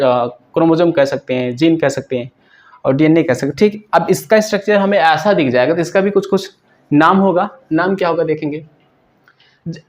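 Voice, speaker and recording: A man's voice: fairly high pitch, a little mellow. A man teaching a science lesson who asks questions, answers them himself and keeps checking "right?".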